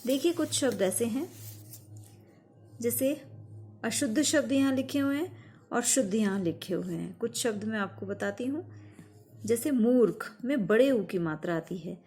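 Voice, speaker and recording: A woman teacher, patiently explaining grammar to children with slow, emphatic examples. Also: mid-range voice, darkish tone.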